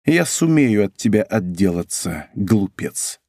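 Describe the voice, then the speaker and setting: A man's voice: fairly low pitch, sing-song, measured pace, darkish tone, husky, no echo, clean studio sound, pitched below the performer's own voice, full character voice. A male reader voicing a cunning, vengeful noblewoman who probes and commands in a tense, scheming way.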